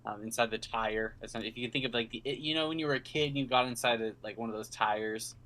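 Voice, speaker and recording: A man narrating a tabletop game as game master, with a bright, clear tone. He rambles through vivid descriptions, often pausing on fillers. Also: medium pitch.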